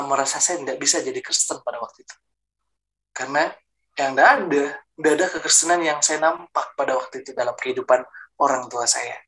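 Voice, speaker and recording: A man's voice: mid-range voice, pushed and bright. A middle-aged man from South Sulawesi tells his conversion testimony and acts out the dialogue of the people in it. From Jeneponto, South Sulawesi, Indonesia. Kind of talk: personal testimony storytelling.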